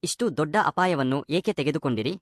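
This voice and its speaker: A man's voice: fairly high pitch, fast talker, dry recording, studio quality, natural voice. A man voicing an anxious loyal secretary. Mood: worried. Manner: respectful and worried. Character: dutiful male secretary, anxious and respectful.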